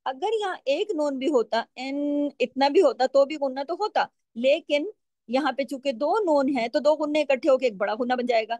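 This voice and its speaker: A woman with a high voice explains the rules of Quran recitation, asking her listeners questions and then answering them herself. She stretches each recited example out slowly. Her voice is recorded close and dry, with almost no room sound. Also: a little mellow, no echo. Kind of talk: step-by-step tajweed lesson.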